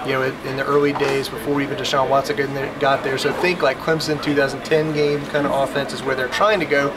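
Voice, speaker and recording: A man breaking down a football matchup in casual, measured talk. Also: medium pitch, level tone. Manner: measured, analytical, with fillers. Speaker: football podcast co-host. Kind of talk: casual sports analysis. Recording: live show with crowd behind. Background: crowd noise.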